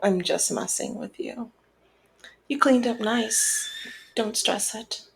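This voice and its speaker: A woman plays a flirty, commanding female mob boss in a scripted, one-sided ASMR roleplay, teasing, sly, coy and controlled. Her voice is on the high side with vocal fry, she takes it slowly, and the recording is low quality.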